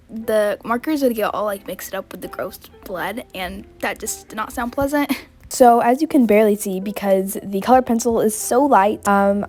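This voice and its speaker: A woman's voice: medium pitch, a little mellow. Bubbly woman with a cold narrating art. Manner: bubbly and gushing. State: has a cold. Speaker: art vlogger. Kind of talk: casual voice-over narration of a drawing.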